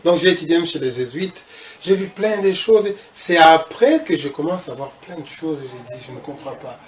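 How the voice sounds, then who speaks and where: A man from Congo, a guest in a conversation, gives personal testimony about his past in the church, speaking hesitantly and restarting phrases. His voice is on the high side, animated, at a moderate pace.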